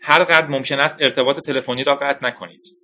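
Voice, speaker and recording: A grave male general speaks in measured, commanding sentences, voiced by a male audiobook reader. His tone is bright and forceful. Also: mid-range voice, steady tone, pitched above the performer's own voice, natural voice. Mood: firm. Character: male air force general calmly warning of attack.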